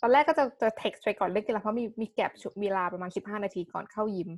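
A young woman in casual chat, telling a personal story with animated delivery and English words mixed in. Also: medium pitch, quick pace.

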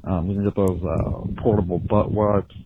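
A man leaving a crude, rambling voicemail through a deep pitch-shifted voice changer. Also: steady tone, normal speed. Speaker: voicemail caller. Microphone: phone. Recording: tinny phone voicemail with faint hiss.

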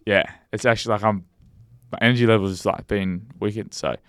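A man's voice: fairly low pitch, fairly even intonation, a little fast, a bit bright, no room sound, studio quality. A young man with a broad Australian accent, co-hosting a podcast with matey, rambling, slangy talk. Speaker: podcast co-host. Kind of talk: casual podcast chat.

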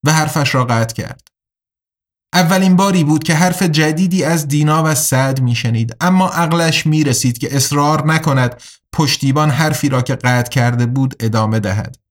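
A man narrating an audiobook in a measured, even storytelling manner. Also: a little high.

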